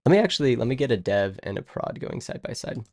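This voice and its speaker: A man's voice: mid-range voice, big pitch swings, fast talker, vocal fry, a little mellow, no echo. A man live-streaming his coding work, thinking aloud in a rambling, casual way and muttering to himself as he goes. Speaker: live-streaming web developer.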